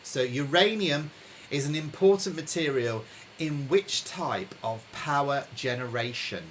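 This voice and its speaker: A man hosting a live-streamed pub quiz from home, chatting with viewers and reading each question slowly, then repeating it. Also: fairly high pitch, a bit bright, slight background noise, poor audio. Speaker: quiz host. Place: home during lockdown.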